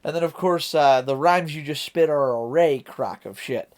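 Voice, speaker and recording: A man's voice: on the high side, normal speed. American man, casual rambling reaction commentary. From Ohio, United States. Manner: rambling, thinking aloud. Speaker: reaction video host.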